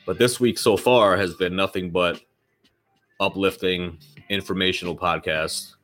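Over soft background music, a man with a deep, steady, fairly bright voice talks at a measured pace on his own podcast. The chat is loose and rambling, he curses freely, and a lingering cold makes him slightly nasal.

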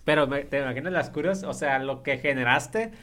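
A woman's voice: low-pitched, a little fast, a bit bright. A woman, chiming in with quips during a casual chat.

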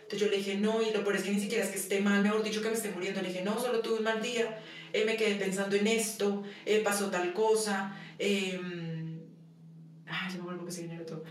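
Woman rattling off stories super fast, echoey room, mic far off. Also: mid-range voice, slight background noise. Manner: animated, acts out dialogue, laughs often. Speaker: guest. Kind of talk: casual personal storytelling.

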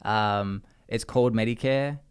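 A man's voice: lowish voice, a little slow, smooth. An Australian man chatting casually as a podcast guest, telling stories in a rambling way with many restarts. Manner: rambling, restarts, lively storytelling. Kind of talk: casual chat.

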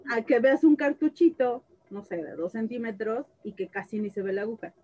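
Lively woman telling anecdotes. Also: fairly high pitch, fairly quick, dull audio. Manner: animated storyteller, acts out dialogue, laughs often. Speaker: tattoo artist guest. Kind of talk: casual chat.

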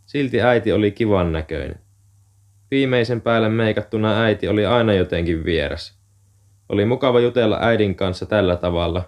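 A man calmly narrating an audiobook chapter in a steady storytelling manner. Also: fairly low pitch. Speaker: audiobook reader. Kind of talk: scripted narration.

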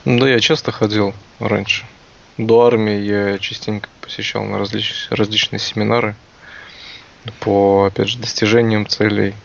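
Young male co-host, on the low side, conversational podcast delivery, slightly muffled lo-fi recording. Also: level tone, moderate pace, gravelly. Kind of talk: casual podcast talk. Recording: dull, lo-fi sound.

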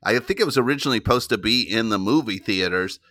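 A man's voice: lowish voice, fast talker, bright, forceful tone, no echo. A man hosting a podcast, chatting casually in a laid-back, rambling way. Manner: laid-back, rambling with restarts, says dude. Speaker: podcast host.

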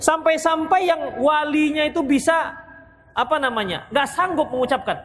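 A man from Indonesia with a Medan Indonesian accent, a preacher giving a hadith lesson and answering questions, lively and joking as he acts out wedding vows. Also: very high voice, normal speed, a little hiss or hum. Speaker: Islamic preacher. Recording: long reverb of a hall.

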